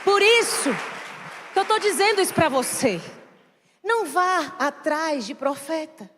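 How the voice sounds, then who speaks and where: A woman's voice: very high-pitched, expressive, a little slow, a bit bright. A young adult woman preacher giving an emotional testimony sermon and often addressing the congregation directly. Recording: long hall reverb, faint music.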